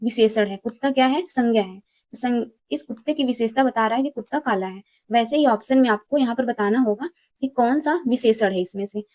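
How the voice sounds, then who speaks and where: Lady teacher going through exam questions, asks then answers herself, highish voice, dry close sound. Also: a little fast, a little mellow, no echo. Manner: asks questions and answers them herself, repeats key words. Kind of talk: exam-prep lesson.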